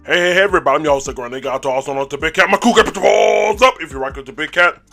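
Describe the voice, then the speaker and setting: A sports fan channel host races through a casual game recap very fast, his fairly high voice hoarse, raspy, pushed and bright. He keeps clearing his throat between bursts of hyped call-and-response.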